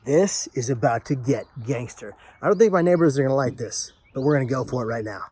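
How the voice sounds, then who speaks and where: A man chats casually as a vlogger while opening a parcel, exuberant, playful, and emphatic in his excitement. His voice is medium-pitched, a little mellow, animated, and fast. There's slight background noise.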